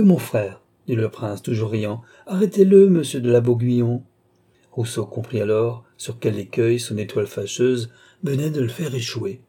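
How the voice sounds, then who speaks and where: A man reading a classic novel aloud in measured, expressive narration. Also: medium pitch, husky. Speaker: audiobook narrator.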